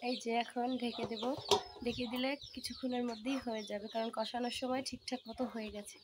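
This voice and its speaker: A woman's voice: on the high side, fairly quick, very noisy. A woman vlogger talks viewers through a recipe step by step while she cooks at a home wood-fired stove. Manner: steady step-by-step narration, addresses viewers as friends. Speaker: cooking vlogger. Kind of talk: casual cooking demonstration.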